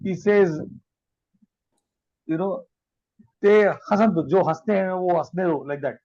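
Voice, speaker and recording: Man, high voice, patient grammar teacher, dull lo-fi call audio, keeps checking in with students. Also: takes it slowly, warm tone. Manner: explanatory, checks in with a constant "right?", chuckles often. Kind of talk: online grammar class explanation.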